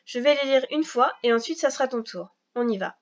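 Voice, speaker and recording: A woman's voice: high-pitched, animated, muffled recording. Patient woman teaching children to read. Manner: slow, patient, step-by-step explaining. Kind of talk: recorded reading lesson for young children.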